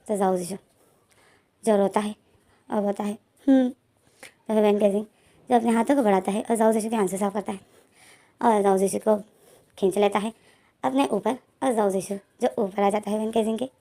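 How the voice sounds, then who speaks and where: A woman's voice: medium pitch, steady tone, moderate pace, pauses often, mellow. A woman narrating a fan-fiction story in a chatty, conversational way. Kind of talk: casual fan-fiction retelling.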